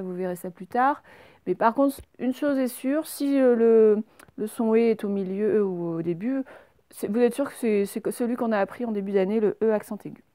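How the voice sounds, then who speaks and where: Woman, middle-aged, primary teacher, slow patient explaining, lots of "euh", dry recording. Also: mid-range voice, dark tone, dry recording. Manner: slow, clear, patient explaining with many fillers. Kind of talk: recorded spelling lesson for young pupils.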